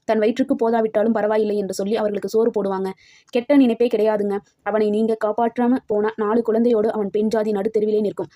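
A woman's voice: mid-range voice, fairly even intonation, moderate pace, dark tone, dry recording, studio quality, natural voice. A woman voicing an elderly mother in her sixties who pleads tearfully and humbly for her son. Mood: pleading. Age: 60s.

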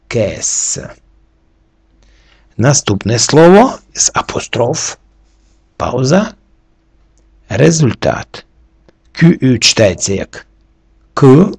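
A man's voice: mid-range voice, creaky, darkish tone, slightly rough, no room sound. A man teaching a recorded lesson, methodically walking through the reading rules letter by letter. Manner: methodical, slowly walks through each letter rule. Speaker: French teacher.

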